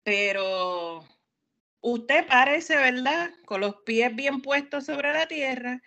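A woman's voice: sits high, lively intonation, takes it slowly, sharp tone. A Puerto Rican woman co-hosting a podcast, speaking earnestly and giving direct, emphatic advice. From Puerto Rico. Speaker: podcast co-host. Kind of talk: casual chat.

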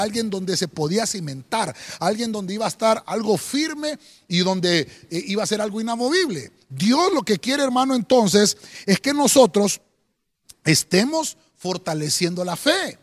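A man's voice: high-pitched, animated, moderate pace. A man preaching a sermon as pastor, speaking directly to the listener and often adding "hermano". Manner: preaching with rising emphasis, repeated "hermano".

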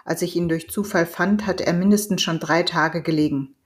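Storybook role: a proud, hot-blooded hunter father, read by a woman, earnest and determined, lowish voice. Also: normal speed, natural voice. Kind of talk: audiobook reading.

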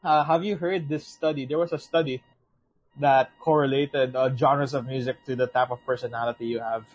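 Young guy host, husky voice, loose rambly talk, swears a lot. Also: medium pitch, steady tone, a little fast, rough recording. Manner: rambling, swears, many restarts and laughs. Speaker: podcast co-host. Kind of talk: casual chat.

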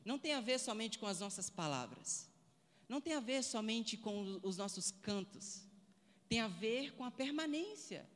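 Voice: mid-range voice, very animated, normal speed, fairly bright tone, big-room sound. A preacher giving a sermon, asking the listeners one rhetorical question after another.

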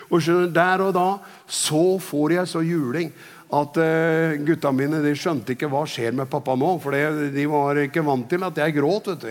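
Older man preaching in a reverberant hall. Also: on the high side. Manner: jovial storytelling preacher, chatty asides. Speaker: pastor. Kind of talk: sermon. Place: church hall. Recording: long church hall reverb.

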